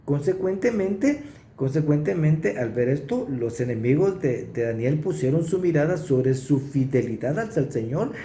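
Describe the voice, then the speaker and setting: A man preaching, teaching through a Bible passage verse by verse and pausing to stress what he reads. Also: mid-range voice, expressive, warm tone, slight background noise. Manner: explanatory, pauses to stress verses. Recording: roomy echo.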